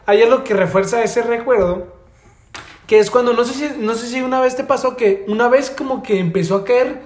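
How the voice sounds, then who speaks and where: A man's voice: very high voice, moderate pace. Young Mexican man in an echoey room. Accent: Mexican Spanish. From Tijuana, Mexico. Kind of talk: casual chat, storytelling.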